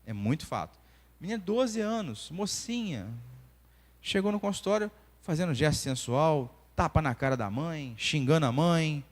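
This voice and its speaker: In a church hall with long reverb, a man with a fairly high voice teaches a class at a normal speed. He is a Brazilian doctor in his forties with a Brazilian Portuguese accent. His lesson weaves in personal stories, told animatedly with acted-out dialogue.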